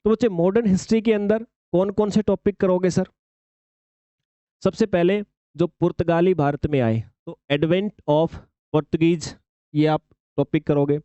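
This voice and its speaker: A man's voice: on the high side, fairly even intonation, measured pace, dark tone, clean tone, no room sound, lo-fi sound. A male coaching teacher lecturing students through an exam syllabus, calling them children, repeating points and asking rhetorical questions.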